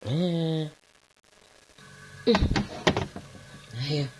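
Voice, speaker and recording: A middle-aged woman, chatting casually at home in a rambling vlog. She laughs often and raises her pitch when she acts out what others said. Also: steady tone, drawn-out words, noisy background. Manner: acts out quoted voices at a higher pitch. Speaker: vlogger.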